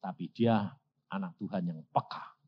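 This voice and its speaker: A man's voice: low-pitched, moderate pace. A man preaching a sermon, telling a story and acting out its dialogues. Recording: lo-fi recording.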